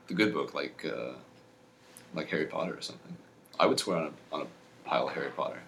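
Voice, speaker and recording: A man co-hosting a casual comedy podcast, dry and quick-witted with an ironic edge. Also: very deep voice, animated, gravelly, fairly bright tone, a little hiss or hum. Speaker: podcast co-host.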